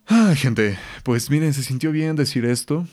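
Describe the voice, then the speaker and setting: A man's voice: medium pitch, a little slow, a little mellow. A young man with a Mexican accent hosting a podcast, telling stories in a slangy, joking rant. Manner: slangy, joking, laughs often. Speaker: podcast host. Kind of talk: casual storytelling rant.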